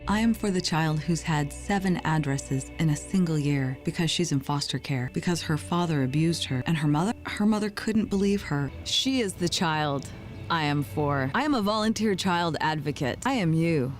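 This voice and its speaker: A woman reading a public service announcement, slow, earnest and heartfelt. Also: low voice, faint music behind.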